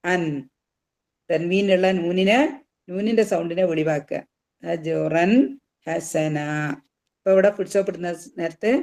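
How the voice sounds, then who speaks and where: A recitation teacher talks through each rule in a patient lesson. The voice sits at an ordinary middle pitch. Words get drawn out slowly and said twice, with English terms mixed in. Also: a little mellow. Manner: patient, slows right down to demonstrate each word. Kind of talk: tajweed lesson explaining recitation rules.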